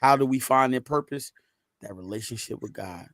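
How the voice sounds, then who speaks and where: A man hosting a casual faith discussion on a video call, voice rising high and loud when he encourages listeners. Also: moderate pace, no room sound, studio quality. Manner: lively, preacherly rises when encouraging. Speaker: host of a faith talk stream.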